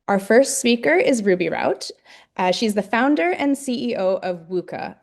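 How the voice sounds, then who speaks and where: A woman moderating an online webinar, giving measured, scripted introductions with the occasional filler. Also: mid-range voice, darkish tone. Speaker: webinar host.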